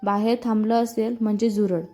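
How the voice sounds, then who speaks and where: A woman's voice: medium pitch, level tone, a little fast, warm tone, faint music behind, close to an everyday voice. A woman reading a storybook part as an eager, slightly anxious younger sister who keeps insisting on helping.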